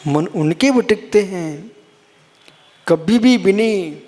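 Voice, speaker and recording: Jain monk, sermon delivery, expounds verse line by line, speaks to listeners like family, high voice. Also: male voice, animated, slow pace, dark tone, in a large hall. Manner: explains scripture line by line, addresses listeners as son and brother. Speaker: Jain monk giving a discourse.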